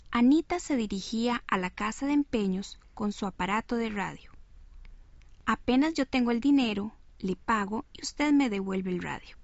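Clear, deliberate woman teaching on air. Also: fairly high pitch, darkish tone, dry recording. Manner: clear, deliberate demonstrating intonation. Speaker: radio teacher. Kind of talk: scripted educational presentation. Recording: dull lo-fi recording.

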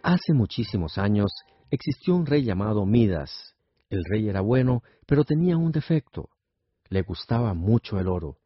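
A man narrating a children's tale in a measured, expressive reading, on a dull lo-fi recording. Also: fairly low pitch, no room sound, faint music behind. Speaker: storyteller. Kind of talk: scripted story narration.

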